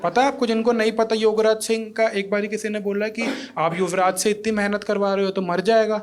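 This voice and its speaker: A man's voice: high voice, little pitch movement, fairly quick, noisy background. A man in his thirties performing a stand-up comedy set in a comedy club, teasing the audience and judges and acting out quotes. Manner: acts out quotes in other voices.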